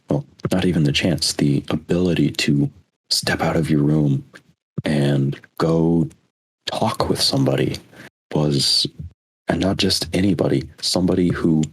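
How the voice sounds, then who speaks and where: A young American man in his twenties co-hosts a podcast, his voice extremely low with a breathy edge on a rough recording. He chats casually, rambling and reflective, restarting his sentences often.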